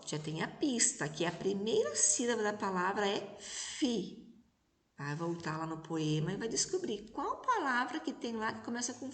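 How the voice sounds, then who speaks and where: Brazilian lady teacher, talks slow n patient to little kids, echoey room. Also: mid-range voice. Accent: Brazilian Portuguese. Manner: slow, patient, stretches out syllables and sounds. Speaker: primary school teacher. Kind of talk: recorded remote lesson for young children.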